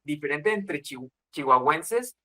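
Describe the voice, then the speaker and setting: A man in his twenties with a Guadalajara Mexican accent speaks as a podcast guest, explaining at length in casual conversation. His voice is on the high side, animated, bright and forceful, at a measured pace. He lectures, lists examples and keeps adding tag questions to his sentences.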